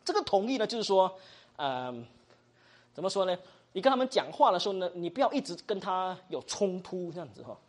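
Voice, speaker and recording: A teacher with a mid-range, very animated voice speaks a little fast while giving a Bible study lesson. The teacher mixes in English words, often asks the class questions, tags sentences with little particles, and acts out example dialogues.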